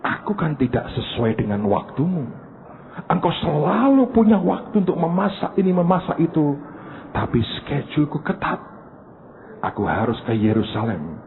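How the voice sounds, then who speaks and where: A man doing a soft-spoken, weary Jesus. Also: very animated. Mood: gentle. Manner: soft, low, unhurried, sprinkled with English phrases. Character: calm, gently weary Jesus, a grown man. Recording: tinny phone-like sound, faint noise.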